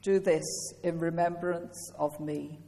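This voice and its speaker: A woman priest leading a communion prayer in a slow, solemn, measured way, her voice carrying a cathedral echo. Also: fairly low pitch, steady tone, warm tone. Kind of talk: reciting a liturgical prayer. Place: large church. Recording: long church reverb.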